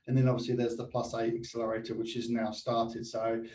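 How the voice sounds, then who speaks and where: A man with a mellow, fairly flat voice co-hosts an online meetup. He talks conversationally and a bit haltingly, heard in a roomy space at some distance from the mic. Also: medium pitch. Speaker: event co-host and company owner. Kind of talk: informal online meetup co-hosting. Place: online video call.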